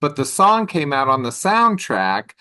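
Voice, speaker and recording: A man's voice: fairly high pitch, big pitch swings, unhurried, sharp tone. A man hosting an interview, asking curious, musing questions about a film's sound and score. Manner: curious, speculative questions with brief backchannels. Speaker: interviewer, magazine host. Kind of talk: casual interview.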